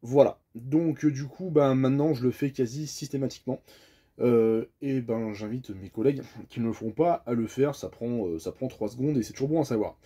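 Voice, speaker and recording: In a dark, breathy voice of medium pitch, a French bus driver describes the workings of a tachograph one step at a time at a moderate pace. The delivery is relaxed and amiable, with frequent pauses and fillers.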